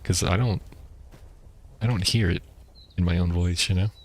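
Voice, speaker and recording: A man streaming a video game, talking in a rambling, casual way with a deep voice and explaining things between plays. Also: steady tone, normal speed, a little hiss or hum. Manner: rambling, explains while playing, many fillers. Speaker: gaming streamer. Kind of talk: casual gameplay chat. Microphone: streaming microphone.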